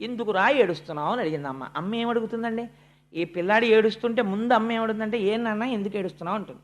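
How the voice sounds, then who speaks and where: An older man giving a devotional sermon, telling the story expressively, acting out quoted lines and dragging out words for emphasis. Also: sits high. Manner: acts out quoted lines, swings between soft and loud; drawn-out stresses and slow emphatic phrases. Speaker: religious discourse speaker.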